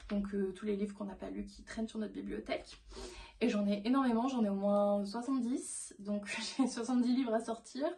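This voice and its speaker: A woman's voice: mid-range voice, fairly even intonation, a little fast, vocal fry, mellow. Rambling young woman vlogger. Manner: rambling, with many fillers and restarts; enthusiastic. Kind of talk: casual vlog chat.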